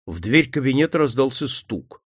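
A man reading a classic detective story aloud in an expressive, theatrical way. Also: medium pitch, normal speed, husky, no echo, studio quality. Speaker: narrator.

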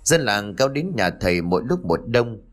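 Male horror narrator, low voice and lively inflection, dramatic reading. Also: brisk. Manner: expressive storytelling, dramatic rise and fall. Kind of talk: scripted narration.

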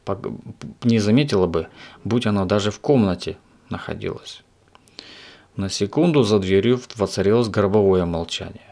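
A man reading a children's story aloud as narrator, in a lively, expressive way. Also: on the low side, moderate pace, vocal fry. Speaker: audiobook reader.

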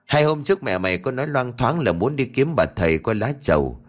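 A man's voice: medium pitch, sing-song, fairly quick. A man voicing a stern elderly village man in a storybook narration. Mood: gruff.

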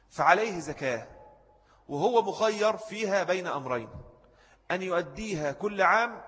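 A man's voice: high voice, fairly bright tone, long reverb tail. A man with an Egyptian Arabic accent giving a religious jurisprudence lesson. He explains each ruling, repeats the key points and answers student questions as he goes. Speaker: religious teacher.

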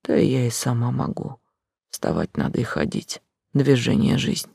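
A half-blind old village woman, as a reader puts her on, mumbling slow, quiet prophecies in a low voice. The storybook telling is dry and close to the mic, with no room sound. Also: big pitch swings, creaky, husky, no room sound, full character voice. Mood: ominous mumbling.

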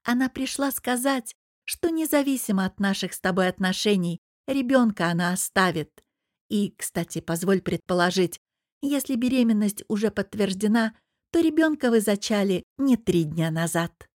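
A woman's voice: medium pitch, lively intonation, normal speed, darkish tone, dry recording, studio quality, lightly acted. A woman reading the lines of a hurt, defiant young wife who answers sharply and mockingly.

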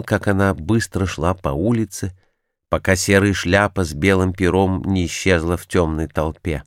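A man narrating a classic detective audiobook in a measured, clearly articulated reading. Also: low voice, no room sound, clean studio sound. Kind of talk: scripted literary narration.

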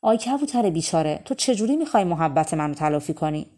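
A woman voicing a kind young prince in a storybook, speaking gently and thoughtfully. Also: low-pitched, very animated.

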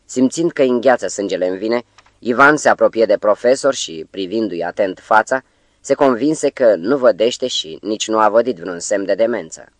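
Man reading an audiobook, low voice, even storytelling, dry close mic. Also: no room sound. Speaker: audiobook narrator. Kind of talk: scripted narration.

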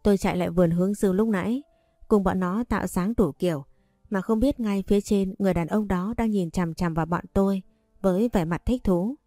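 A woman reads a first-person romance story in a warm, mellow voice. Her delivery is even and unhurried, recorded dry and close. Faint music plays underneath. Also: medium pitch, no room sound.

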